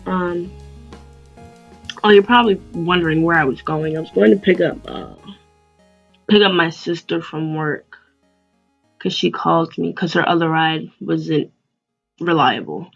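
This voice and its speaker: A young adult woman vlogging a storytime in an animated, casual way, with plenty of swearing. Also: deep voice, unhurried, vocal fry, long pauses. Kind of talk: storytime vlog. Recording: dull lo-fi sound with faint music.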